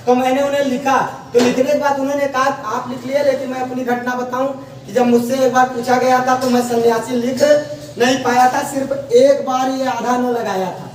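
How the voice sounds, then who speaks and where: A man teaching a spelling lesson, slowly drawing out each word and asking his students to repeat it. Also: extremely high pitch. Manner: slow, drawn-out repetition of words, often asks students back. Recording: echoey room from far off, faint noise.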